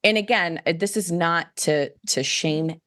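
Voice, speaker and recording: A woman's voice: lowish voice, a little slow. A woman guest on a podcast, a children's book author chatting casually and acting out quoted voices, with lots of "like" and "you know.". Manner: animated, acts out quoted voices, many "like, you know" fillers.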